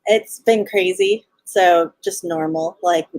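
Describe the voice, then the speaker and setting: A woman with a California Valley Girl accent chats casually in a bubbly sorority-girl way, peppering her talk with slang. Her voice sits a little low for a woman and is recorded close and dry. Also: steady tone, takes it slowly, a little mellow, no echo. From Los Angeles, United States. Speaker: podcast guest, show co-founder and event organizer. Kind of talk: casual live interview chat.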